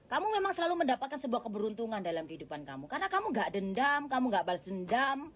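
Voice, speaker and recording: Woman, tarot reader, gentle chatty delivery, faint background hiss. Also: fairly high pitch, big pitch swings, fast. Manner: gentle, chatty, addresses the viewer directly, laughs often. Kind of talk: casual tarot reading monologue.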